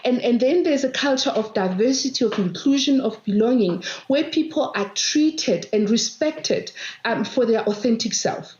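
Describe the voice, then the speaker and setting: A South African woman whose first language is Venda, speaking with an animated, expressive delivery and a slightly higher voice. The audio is roomy and a little dull, like a lo-fi online panel recording. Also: normal speed. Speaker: panel guest. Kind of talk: panel discussion.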